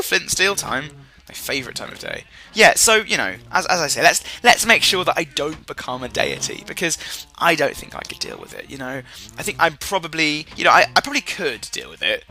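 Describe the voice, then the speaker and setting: A man's voice: on the high side, gravelly, pushed and bright. A man giving rambling, jokey game commentary with silly asides, his voice sore and strained. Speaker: gaming commentator.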